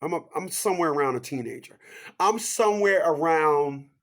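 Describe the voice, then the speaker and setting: A man in his fifties speaks at a moderate pace with lively intonation in a preachy motivational monologue. His rhetorical questions and repeated catchphrases come in loud, high bursts that drop into hushed asides.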